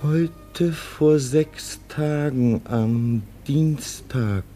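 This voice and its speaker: This actor's voice is on the high side and mellow, with faint music in the background. He voices a radio-play character, an anxious male driver aged 36 who fears madness, hurrying through urgent pleas that he is not mad.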